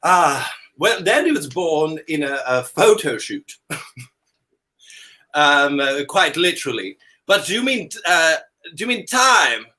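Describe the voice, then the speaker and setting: A theatrical, centuries-old dandy with a high, bright voice, as a man puts him on. He gushes in a grand, plummy manner and calls everyone darling. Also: sing-song, takes it slowly, exaggerated voice. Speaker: guest. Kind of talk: in-character comedic interview.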